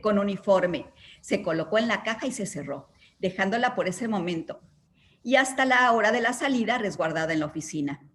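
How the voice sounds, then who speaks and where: A woman from a school team reading aloud, in a calm and measured way, her own account of a counseling case. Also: medium pitch.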